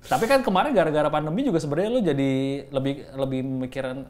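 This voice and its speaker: A man's voice: fairly high pitch, big pitch swings, rapid-fire, a little mellow. A man chatting casually as a podcast host, informal and agreeable. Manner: informal, agreeable, brief interjections. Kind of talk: casual chat.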